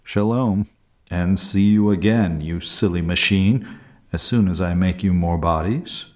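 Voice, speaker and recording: A man's voice: sits low, a little slow, darkish tone. A man voicing a desperate young scientist father who talks in a strained, emotional way. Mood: fond.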